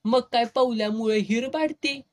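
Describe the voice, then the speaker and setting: A man voicing a bold, quick-tempered village girl, speaking in a with a teasing, bossy manner. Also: very high-pitched, pitched above the performer's own voice.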